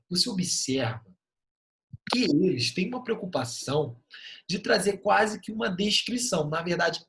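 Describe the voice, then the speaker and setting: A young adult man with a Brazilian Portuguese accent, teaching an online literature class in a lively, joking way and reading short poems aloud. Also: sits high.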